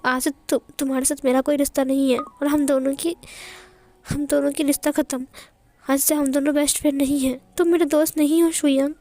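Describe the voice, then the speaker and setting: A woman's voice: high voice, flat delivery, fairly quick, a little mellow. A woman voicing an indignant young man who stammers as he cuts off a friend. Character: young man, heartbroken, angrily cutting off a friend.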